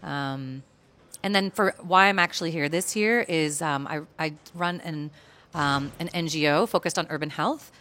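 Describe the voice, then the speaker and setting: A woman's voice: low-pitched, moderate pace, pushed and bright. An American woman speaking at a panel in a chatty, conversational way, with many fillers and restarts. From United States. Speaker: guest speaker at an urban planning event.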